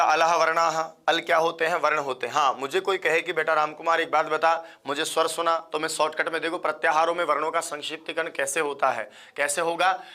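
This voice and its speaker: A man teaching a live online class, quizzing listeners and repeating questions and answers in a fast, chatty way. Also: fairly high pitch, bright, forceful tone. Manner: fast-paced, chatty, addresses viewers as friends. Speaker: Sanskrit exam teacher.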